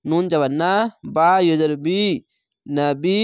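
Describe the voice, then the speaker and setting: A man teaching a Quran reading class, spelling each word syllable by syllable and then reciting it slowly and drawn out. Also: fairly high pitch, steady tone, a little mellow, clear, resonant tone, dry recording, clean studio sound.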